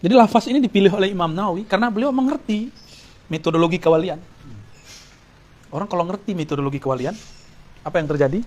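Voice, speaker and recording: A man's voice: high voice, fast talker, pauses often, a little mellow. A man giving a Sufi study lecture, talking casually, quoting Arabic verses and joking with his listeners. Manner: conversational, jokes with the audience, quotes Arabic verses. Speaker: Islamic preacher.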